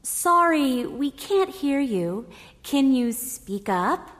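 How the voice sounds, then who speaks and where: A man voicing a polite female audition staffer who speaks slowly and courteously, heard with a long hall reverb. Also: very high voice, sing-song, fairly bright tone, pitched above the performer's own voice, exaggerated voice.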